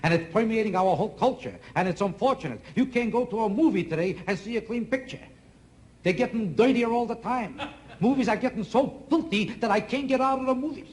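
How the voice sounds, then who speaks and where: A man's voice: high voice, lively intonation, fairly quick. A man doing a stand-up comedy routine on a TV stage, sardonic and needling the audience with repeated questions. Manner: sardonic, talks to audience members, rhythmic repetition. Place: TV studio stage with live audience.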